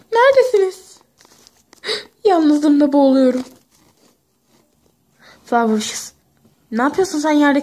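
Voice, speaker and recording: A woman's voice: on the high side, darkish tone. A young woman performing every part of a homemade pony toy story, switching between chatty playful character voices.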